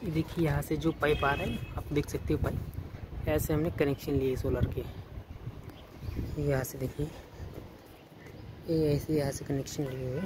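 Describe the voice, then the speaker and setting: An electrician gives a casual walkthrough of an installation, filming himself off-frame on a handheld phone, first on a rooftop outdoors and then in an indoor stairwell and at a wall. His voice sits a little high with a level tone, and there's background noise. He speaks haltingly, repeating words and restarting as he points things out.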